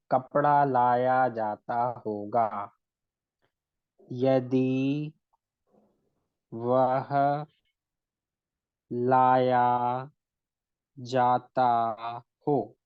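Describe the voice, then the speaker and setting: Slow, deliberate man teaching a lesson. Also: mid-range voice, no echo, dull audio. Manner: slow and deliberate, drawing out words one at a time. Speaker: shorthand teacher. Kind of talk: recorded lesson, explaining while writing.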